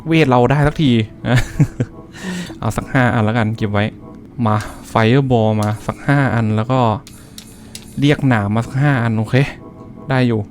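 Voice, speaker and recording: A man's voice: medium pitch, a little slow, darkish tone, soft background music. A young man hosting a gaming channel, chatting to his viewers through a let's-play, laughing and swearing casually.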